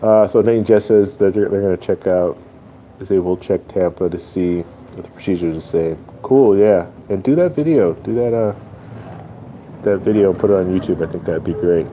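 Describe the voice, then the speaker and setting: A man hosting a casual live stream, chatting with viewers in a halting, rambling way. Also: sits low, highs cut off. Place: airport waiting area. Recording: faint airport background noise.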